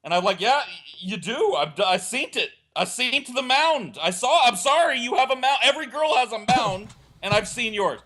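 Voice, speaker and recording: With a very high-pitched voice and few pauses, a man keeps a moderate pace while telling a crude, rambling anecdote on a casual podcast. He acts out what was said, making the comic story lively.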